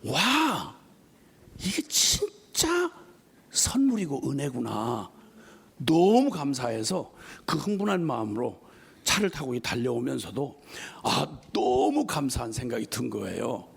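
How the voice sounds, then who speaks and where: A middle-aged man preaching a sermon, telling a personal story in an animated way and acting out the lines of an angry man with laughter. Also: mid-range voice, measured pace, gravelly, husky. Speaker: missionary preacher.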